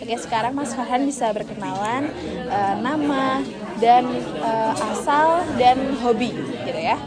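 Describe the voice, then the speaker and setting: In a busy public hall with loud crowd chatter and loud music behind her, a young woman counsels a student. Her voice is a little high and a little slow as she asks questions politely and reassuringly.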